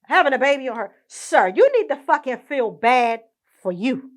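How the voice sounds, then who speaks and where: A woman's voice: high voice, big pitch swings, normal speed. A young woman hosting her own podcast, ranting indignantly and swearing constantly. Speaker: podcast host. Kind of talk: profane ranting monologue.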